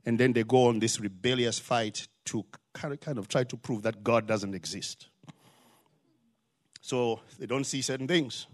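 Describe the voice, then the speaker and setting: This older man, a pastor from Zimbabwe speaking with that country's accent, preaches with emphasis that swells into rising exclamations. His pitch is medium, his tone steady, and his pace moderate.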